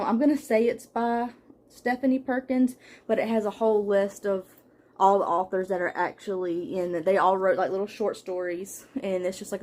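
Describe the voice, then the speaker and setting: A young woman talks through her shelves in a relaxed, chatty way, reading off book titles one after another with the odd filler and soft laugh. Her voice sits at an ordinary middle pitch for a woman, recorded in a room at home. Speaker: book vlogger. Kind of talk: casual book haul chat.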